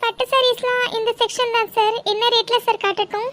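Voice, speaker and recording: A timid young shop girl from a cartoon, voiced by a woman, polite and deferential to every customer. Her voice sits very high and girlish. A faint hiss runs under the recording. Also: little pitch movement, brisk. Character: poor young woman shop assistant, meek and hardworking. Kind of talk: cartoon dialogue.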